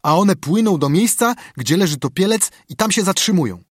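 A man's voice: fairly high pitch, wildly swooping pitch, fast, no room sound, studio quality, voice pushed up. A man voicing a streetwise scruffy boy who speaks bluntly and knowingly, in a storybook reading. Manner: matter-of-fact, knowing.

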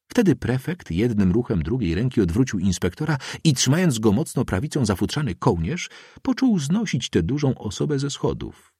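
Mężczyzna czytający powieść jako lektor audiobooka, wyważenie i ekspresyjnie. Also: male voice, mid-range voice, breathy edge, no room sound, clean studio sound. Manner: measured, expressive reading. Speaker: audiobook narrator. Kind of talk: scripted literary narration.

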